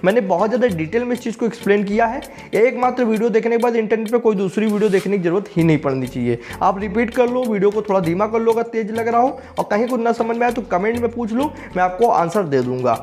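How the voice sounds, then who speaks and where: A man's voice: high voice, animated, fast, few pauses, darkish tone, soft background music. A young man explaining a coding tutorial step by step, often checking in with the viewer as he works on screen.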